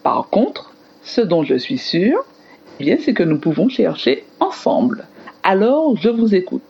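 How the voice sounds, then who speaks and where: A woman teacher giving a scripted radio lesson to children in an expressive, explanatory manner. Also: medium pitch, unhurried, gravelly, husky, lo-fi sound. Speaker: primary school teacher on radio.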